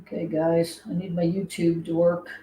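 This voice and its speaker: A middle-aged woman hosts a livestream in an easy, chatty way, often breaking into giggles as she greets viewers. Her voice sits a little low and sounds a bit roomy, with faint noise in the background. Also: little pitch movement, moderate pace, mellow. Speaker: host. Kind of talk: casual livestream chat. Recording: echoey room, faint noise.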